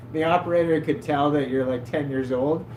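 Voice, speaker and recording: A man hosting a livestream from his desk at home tells rambling stories in a loose, self-mocking way, saying "like" a lot. His voice is a little high and slightly mellow, with a steady tone and moderate pace. The room is echoey, with a faint hum behind him.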